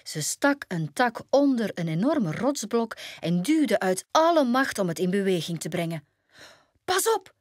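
A woman with a Flemish accent reading a fairy tale aloud to children, telling the story in an expressive, dramatic way. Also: medium pitch, normal speed, hardly any pauses, no room sound, studio quality.

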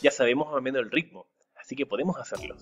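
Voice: mid-range voice, lively intonation, fast talker, over music. An English teacher from Chile with a Chilean Spanish accent, patiently drilling words and switching between Spanish and English in a recorded lesson. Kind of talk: remote classroom lesson.

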